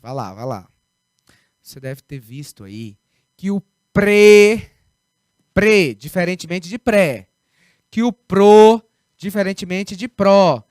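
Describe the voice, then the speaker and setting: Emphatic Brazilian teacher, dry close sound. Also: male voice, sits high, no room sound. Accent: Brazilian Portuguese. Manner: emphatic, repeats key words, asks rhetorical questions. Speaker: Portuguese grammar teacher. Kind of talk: recorded video lesson.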